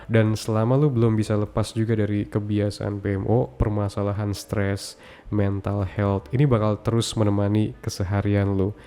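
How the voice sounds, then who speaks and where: A self-improvement content creator gives casual advice in a low, mellow, clean voice with flat delivery at a moderate pace. He talks straight to the viewer in slangy, casual terms, listing his points one after another in short phrases, talking-head style.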